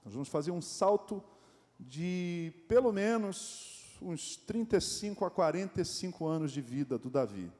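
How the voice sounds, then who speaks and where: A Brazilian man preaches a lively sermon with jokes and rhetorical questions. His voice sits fairly high for a man. The church hall leaves a long, echoing reverb behind every phrase. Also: unhurried. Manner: animated, joking, asks the congregation rhetorical questions. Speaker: pastor.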